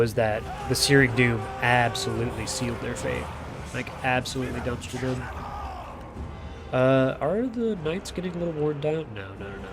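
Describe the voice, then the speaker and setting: Nasal, stuffed-up man casting a game. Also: medium pitch. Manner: loose and chatty, swears casually, lots of fillers. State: blocked sinuses. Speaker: game caster and streamer. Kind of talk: casual play-by-play game commentary. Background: music playing.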